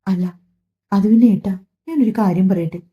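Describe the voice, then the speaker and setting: Soft shy young wife a woman reading her, hesitant, dull muffled audio. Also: medium pitch, moderate pace, close to an everyday voice. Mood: tender. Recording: dull lo-fi recording.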